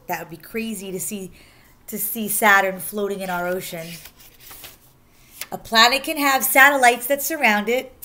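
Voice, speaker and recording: A woman teacher reads a rhyming children's picture book aloud, animated and sing-song, stressing key words. Her voice is mid-range and her pace moderate.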